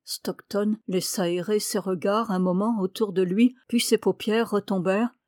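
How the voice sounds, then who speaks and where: A woman's voice: medium pitch, fairly even intonation, moderate pace, a little mellow, no room sound, studio quality. Woman reading a detective story. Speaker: audiobook reader. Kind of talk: scripted narration of a detective story.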